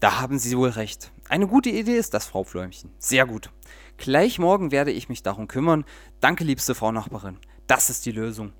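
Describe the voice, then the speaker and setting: A man's voice: medium pitch, big pitch swings, normal speed, no room sound, natural voice. A man voicing a fussy, earnest male plum grower in a read-aloud storybook. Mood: delighted.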